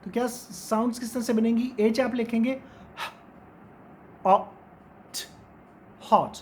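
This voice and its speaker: A man's voice: very high-pitched, level tone, slight background noise. A man teaching English phonetics in a recorded lecture, drawing out and repeating each vowel sound and example word aloud. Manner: slow, repeats sounds and words aloud to demonstrate them.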